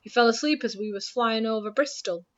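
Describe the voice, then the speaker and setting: Hagrid, a loud rustic giant, as a woman puts him on. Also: a little high, brisk, lightly acted. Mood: proud. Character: big soft-hearted male giant groundskeeper. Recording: dull lo-fi recording.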